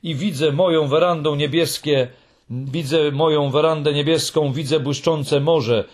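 A lonely young Moomin troll, voiced by a man, defiantly belting out his words. His raised voice stays husky and swings up and down. The telling belongs to a children's storybook. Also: sits high, animated, unhurried, pitched above the performer's own voice, heavily acted. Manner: loud, defiant singing recital.

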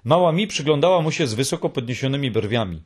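Male narrator for a storybook; husky, animated delivery with lots of pitch movement. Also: fast talker. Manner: expressive reading.

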